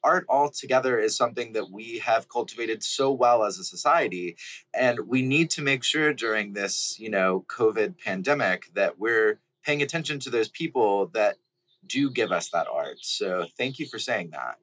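A man's voice: fairly low pitch, lively intonation, moderate pace, a bit bright, low-quality recording. A man in his thirties hosting a video podcast from his backyard, speaking earnestly and thanking his guest. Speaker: host. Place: backyard garden outdoors.

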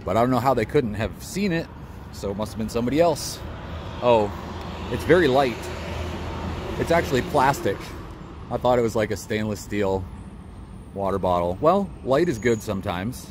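A man's voice: mid-range voice, animated, normal speed, long pauses. A man casually narrating what he sees as he films on a city sidewalk. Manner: laid-back, rambling commentary. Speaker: street videographer. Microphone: handheld phone camera. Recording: outdoor phone audio with street noise. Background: street traffic noise.

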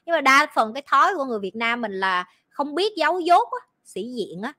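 A woman hosting a casual livestream. Her voice sits a little high and sounds bright and forceful. She teases her team bluntly and talks in quick bursts. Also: lively intonation. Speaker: livestream host.

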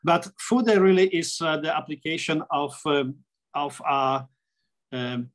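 Speaking unhurriedly in a fairly high pitch, this middle-aged man from Poland has a Polish accent and fills his answers with restarts and fillers. He's an architect and sketcher being interviewed over a video call. The sound comes through a laptop webcam in a small home room hung with framed pictures.

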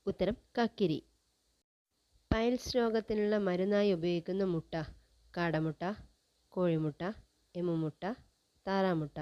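A woman presenting a general-knowledge quiz, reading each question and its options in a measured, list-like way. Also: on the low side, steady tone, smooth, no room sound, dull audio.

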